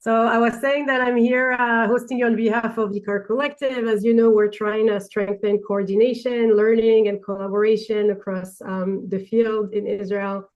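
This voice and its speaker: A woman with a light, delicate voice hosts an online talk, introducing it hesitantly with many pauses. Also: a little high, steady tone, a little mellow, lo-fi sound. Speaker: webinar host.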